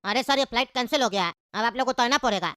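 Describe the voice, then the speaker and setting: A flustered flight attendant, as a woman voices the part in a cartoon, deferential and evasive in a bright, fast voice. The sound is dry and close. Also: fairly high pitch, dry recording. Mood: apologetic. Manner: polite, deferential, saying sir. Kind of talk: cartoon voice acting.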